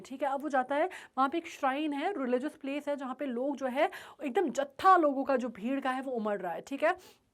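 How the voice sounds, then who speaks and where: A woman teacher explaining a chapter, mixing English terms into her speech and often checking in with the class. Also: high-pitched. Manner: explains with frequent check-in questions; mixes Hindi and English terms.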